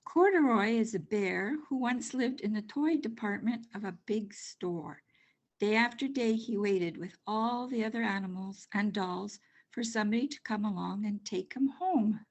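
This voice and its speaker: An older woman narrating a children's storybook aloud in an expressive, measured way. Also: mid-range voice. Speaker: storybook reader.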